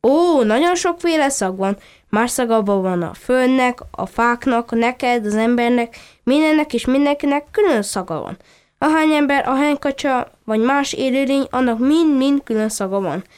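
A woman's voice: high-pitched, a little mellow, smooth, natural voice. A woman voicing a curious, proud male puppy who explains things patiently and earnestly.

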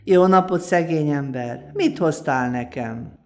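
A kindly king from an old folk tale, gracious and welcoming, as a woman storyteller plays him. He speaks warmly to a humble visitor. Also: low voice.

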